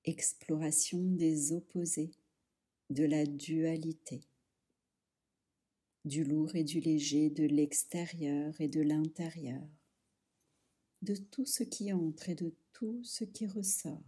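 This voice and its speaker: Her voice is breathy, gentle and fairly low, its intonation mostly even, as she takes a yoga nidra session at an unhurried pace. Each short, soothing cue is followed by a long pause.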